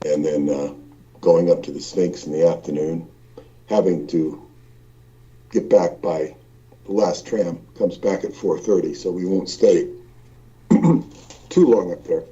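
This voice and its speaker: A man calling in from a trip speaks over an internet call from the hallway of a small hotel room, sounding distant and cave-like with echo. His deep, warm voice has fairly even intonation, a measured pace and long pauses, and the muffled recording catches him rambling through a casual chat with many fillers and restarts.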